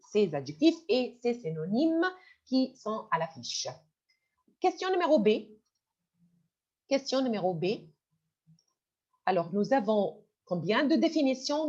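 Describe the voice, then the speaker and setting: Lively husky woman teaching French. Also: a little high. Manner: patient, repeats and spells words, switches to English to explain. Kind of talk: online class lesson. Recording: dull lo-fi sound.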